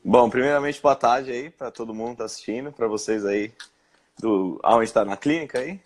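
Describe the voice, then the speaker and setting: A young man from Brazil speaking in a live-stream interview, recounting his experience with many pauses, fillers and restarts. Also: mid-range voice. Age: young adult. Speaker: interviewed guest.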